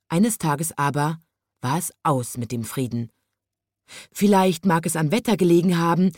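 A woman reading a children's story aloud with an expressive storytelling lilt. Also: fairly low pitch, no room sound, clean studio sound.

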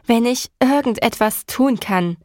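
A woman's voice: fairly high pitch, a little slow, a little mellow, no room sound, studio quality, close to an everyday voice. A woman voicing a panicked male driver who apologizes, in near her own voice. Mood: anxious. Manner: anxious, apologetic.

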